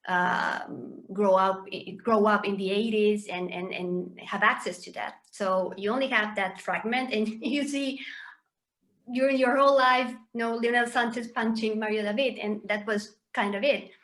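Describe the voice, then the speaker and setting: A woman's voice: medium pitch, fairly even intonation, moderate pace, a bit bright. A woman from Chile, a journalist guesting on a podcast, talking in a hesitant way with many fillers and restarts. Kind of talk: podcast conversation.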